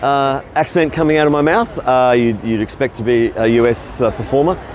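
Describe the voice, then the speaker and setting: A middle-aged Australian man, interviewed casually on a convention floor, rambles loosely through the story of his voice acting career. He speaks fairly quickly in a mid-range voice with fairly even intonation, against slight background noise.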